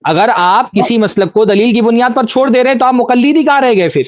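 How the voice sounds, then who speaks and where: A man's voice: extremely high pitch, no echo, highs cut off. A man co-hosting a live debate, arguing his case through repeated rhetorical questions. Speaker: co-host debater.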